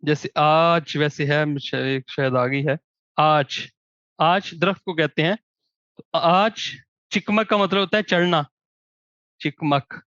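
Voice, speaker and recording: A man with a somewhat high voice teaches a grammar lesson and lingers on each example word before moving on. The recording is dry and close. It has a slightly dull, lo-fi tone. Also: fairly even intonation, a bit bright, no room sound. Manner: slow, drawn-out example words between quick explanation. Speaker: language teacher. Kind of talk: explaining grammar with spoken examples.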